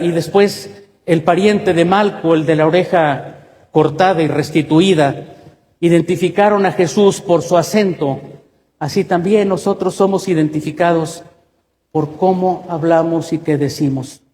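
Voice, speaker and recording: A man's voice: fairly high pitch, a little slow, darkish tone. Mexican pastor guy preaching, lots of rhetorical questions, echoey church hall. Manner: emphatic, asks many rhetorical questions. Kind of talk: sermon.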